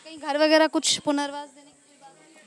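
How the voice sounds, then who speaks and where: Female field reporter, high register, probing on-the-spot interviews outdoors. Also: monotone, fast talker, faint music behind. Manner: probing, asks short follow-up questions. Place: outdoors at a demolition site.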